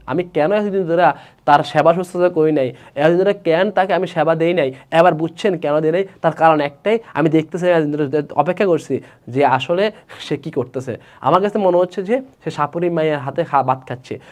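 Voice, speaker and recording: Bangladeshi man teaching a literature lesson. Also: on the high side. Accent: Bangladeshi Bengali. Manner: reads story lines aloud then explains them in colloquial speech, asks students questions. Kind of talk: Bengali literature class lecture.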